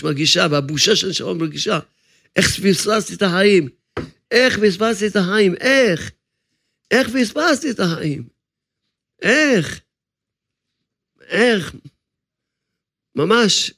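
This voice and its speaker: A man's voice: a little high, a bit bright, no room sound, clean studio sound. A man preaching a sermon as a rabbi, emphatic, driving his points home by repeating phrases.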